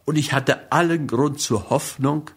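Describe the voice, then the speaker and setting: A man reading a first-person novel aloud in a measured, grave manner. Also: a little high, breathy edge. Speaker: audiobook narrator. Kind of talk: first-person literary narration.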